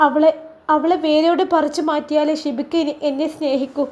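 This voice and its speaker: A woman's voice: high voice, fairly even intonation, normal speed, a little mellow, close to an everyday voice. A woman reading a spiteful, jealous young woman in a spoken story, sneering and complaining. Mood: aggrieved.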